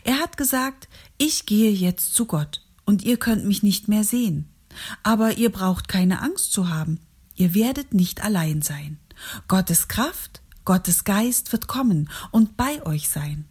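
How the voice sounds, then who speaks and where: A woman voicing Salome, a calm, faithful woman disciple, in a gentle storybook reading voice. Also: mid-range voice, slow pace, slightly rough. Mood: earnest.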